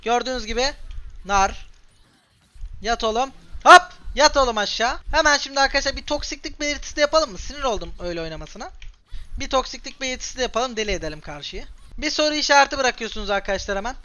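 A young man in his twenties rattles off live commentary over his own gameplay, quick and excitable, always talking straight to his viewers. His voice is bright and forceful. The recording sounds a little muffled and lo-fi. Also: very high voice. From Turkey. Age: 20s. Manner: excitable, talks straight to viewers while playing. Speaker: gaming streamer.

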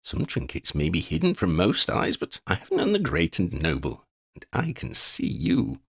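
In a storybook, a man voices a gangly, muddle-headed wandering vagabond who rambles, gets easily distracted, and uses quaint old-fashioned phrasing. His low, gravelly, slightly rough voice swoops wildly in pitch at a normal speed, exaggerated and airy in mood. The studio-quality recording has no room sound.

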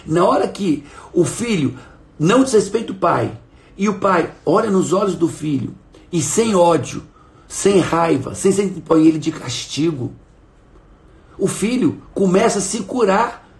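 A man's voice: sits high, animated, measured pace, vocal fry. A middle-aged man teaching in a live stream, emphatic and repeating his phrases while he asks viewers to respond. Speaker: coach and live-stream host.

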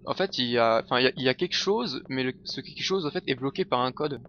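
A man's voice: medium pitch, expressive, quick pace, fairly bright tone, a little hiss or hum. A man commenting live on his gameplay, chatty and muttering to himself as he plays, swearing often. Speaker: streamer playing a video game. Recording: slightly dull lo-fi stream audio with faint game music.

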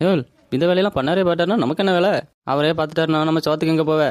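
A man as a cautious village farmhand, rapid. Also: fairly high pitch, clear, resonant tone, natural voice. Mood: placating. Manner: rapid, placating. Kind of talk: village comedy skit.

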